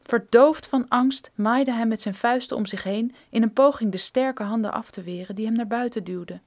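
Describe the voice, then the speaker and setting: A woman reading a thriller audiobook in a steady, measured storytelling manner. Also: a little high. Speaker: narrator.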